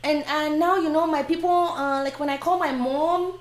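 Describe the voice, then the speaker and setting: A Kenyan woman co-hosts a live stream, chatting casually in English and Swahili, laughing a lot and quoting people playfully. She is animated and slips into playful voices for the quotes. Her voice is high, at normal speed, and sounds reverberant.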